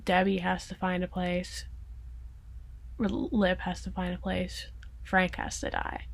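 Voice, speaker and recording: A woman's voice: lowish voice, completely flat delivery, slow, gravelly. Young woman talking to camera, all over the place, emotional, says like a lot. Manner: rambling, emotional, swears, lots of fillers. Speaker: vlogger. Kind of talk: casual chat to camera.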